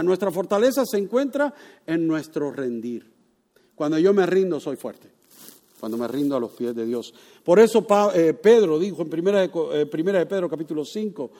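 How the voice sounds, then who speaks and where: A man with a high voice preaches a sermon. He swings from loud emphatic lines down to hushed ones, asks his listeners questions and acts out voices. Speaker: pastor.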